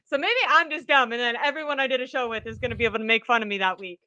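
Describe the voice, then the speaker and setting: Woman co-host, casual sports talk, chatty and self-deprecating, bright, slightly high voice. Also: very fast, no room sound, highs cut off.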